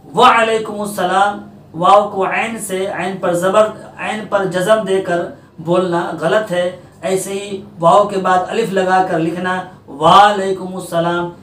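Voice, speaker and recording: A male teacher giving a pronunciation lesson to students, repeating each word slowly to set the right form against the wrong one. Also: sits high, a bit bright. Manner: deliberate, repeating words to contrast right and wrong forms. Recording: roomy, distant mic, faint background noise.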